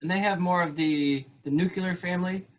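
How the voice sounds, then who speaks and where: A man's voice: high-pitched, steady tone, brisk. A man hosting a podcast in a casual, easygoing chat, often trailing off mid-thought. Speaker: podcast host.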